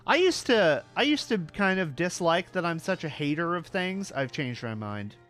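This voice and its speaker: A man's voice: fairly high pitch, very animated, moderate pace, fairly bright tone, faint music behind. A male streamer chatting casually while playing, ranting with swearing and self-mocking jokes. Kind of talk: casual gaming stream chat.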